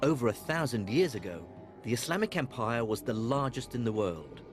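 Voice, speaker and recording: A middle-aged man from Iraq, presenting a documentary in a measured, storytelling narration. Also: mid-range voice, sing-song. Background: music.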